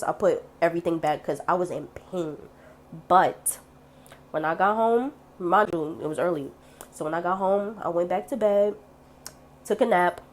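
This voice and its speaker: A young woman vlogger telling a personal story to camera in a casual, blunt way, swearing freely and acting out the people in it. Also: on the low side.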